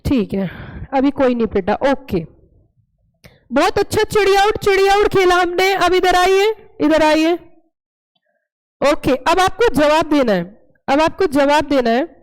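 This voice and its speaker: A woman with a very high voice teaching a live classroom lesson. She is playful and animated and keeps quizzing her students with repeated questions. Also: unhurried, pauses often, poor audio. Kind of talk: classroom lecture.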